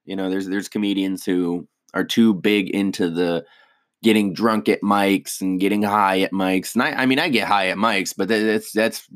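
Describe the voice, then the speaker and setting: Comedian guy rambling and cursing, kinda low voice, dead dry sound. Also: fairly even intonation, moderate pace, dry recording. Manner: rambling, profane, self-deprecating. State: hiccups. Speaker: stand-up comedian. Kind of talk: casual solo podcast chat.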